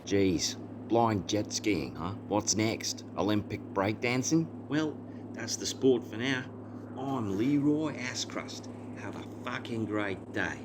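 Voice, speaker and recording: A man's voice: fairly low pitch, animated, takes it slowly, background noise. A man playing a crude, sarcastic sports reporter on a spoof news show.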